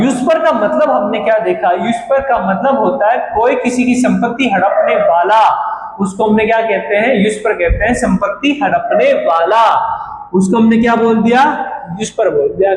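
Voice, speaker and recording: High-voiced male teacher drilling vocabulary. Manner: repeats each word and meaning, asks the class what it is called; addresses students as "beta". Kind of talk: classroom vocabulary lesson. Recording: echoey room with background noise.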